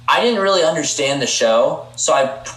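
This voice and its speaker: A young man co-judging on a podcast over a video call, chatting casually with quick, easygoing agreement. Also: on the high side, lively intonation, a bit bright. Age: young adult. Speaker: podcast co-judge. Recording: roomy video-call audio with faint hum.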